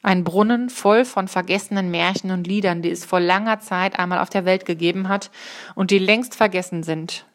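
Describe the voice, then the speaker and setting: Gentle sad boy, hushed wistful speech, storybook, read by a woman, lower voice. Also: moderate pace, natural voice. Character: gentle sad boy, a quiet young friend.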